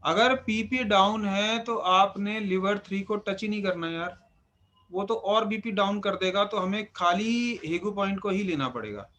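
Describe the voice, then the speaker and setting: A man's voice: high-pitched, a little slow, sharp tone. A man teaching an acupuncture class, instructive and repeating phrases for emphasis. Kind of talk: live class lecture.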